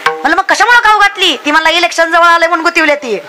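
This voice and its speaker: A woman's voice: very high voice, racing, over music. A young woman preaching a comic devotional sermon, urging the crowd and acting out villagers' lines. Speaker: kirtan preacher.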